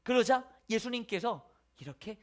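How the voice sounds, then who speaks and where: A man's voice: very high-pitched, moderate pace. A man preaching a sermon as pastor, telling stories with acted voices and dropping to whispers. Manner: lively storytelling, acting out voices, shifting from loud to whispered.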